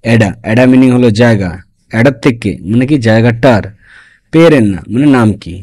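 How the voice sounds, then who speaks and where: A man's voice: medium pitch, moderate pace, a little mellow, no echo. A man teaching a spoken language lesson, explaining phrase by phrase and often checking in with his listeners.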